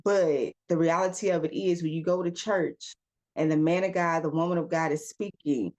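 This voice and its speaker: A woman's voice: on the low side, fairly even intonation, darkish tone. A woman giving a casual self-help talk as a wellness coach, firing off questions and calling listeners y'all and baby. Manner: asks rapid rhetorical questions, calls listeners y'all and baby; emphatic, coaching.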